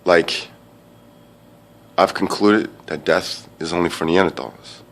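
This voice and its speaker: A man giving a rambling, profane monologue that swings from low muttering to loud shouting, often repeating himself and restarting. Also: slow pace, creaky. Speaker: vlogger.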